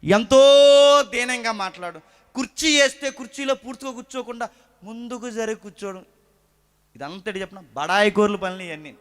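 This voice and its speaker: A man preaching a sermon with animated delivery, firing rhetorical questions and mimicking churchgoers. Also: high-pitched, fairly quick.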